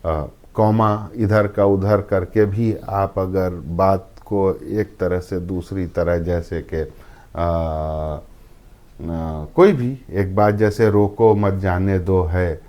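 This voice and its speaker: A man hosting a conversation on poetry, speaking in a measured way with frequent hesitations. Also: deep voice, steady tone, a little mellow. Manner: measured, hesitant with many fillers. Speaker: host. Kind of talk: interview.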